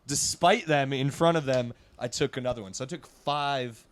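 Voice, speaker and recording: A man's voice: mid-range voice, normal speed. A young man co-hosting a podcast, telling long rambling anecdotes in casual chat and laughing mid-sentence. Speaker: podcast co-host.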